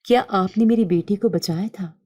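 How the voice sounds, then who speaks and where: A woman voicing a grieving young mother in a spoken storybook, speaking with soft, earnest pleading. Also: medium pitch, dry recording, studio quality, natural voice. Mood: sorrowful.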